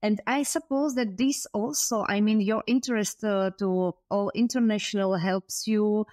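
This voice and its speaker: A woman's voice: medium pitch, fairly even intonation, normal speed, a little mellow, no room sound, clean studio sound. A woman interviewing a guest, asking questions hesitantly with many fillers and some non-native phrasing.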